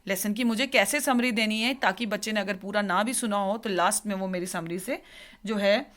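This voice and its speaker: A woman teacher educator giving a lecture on lesson planning, explaining step by step in a mix of Hindi and English with frequent pauses. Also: medium pitch, fairly bright tone. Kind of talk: classroom lecture.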